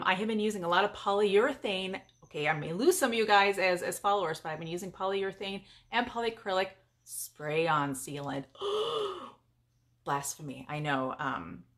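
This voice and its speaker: A chatty, upbeat middle-aged woman from California talks her viewers through a live demonstration. Her pitch sits in an ordinary middle range, and the delivery is casual and friendly. She is recording in her home garage. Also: a little fast, few pauses. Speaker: furniture painter and paint business owner.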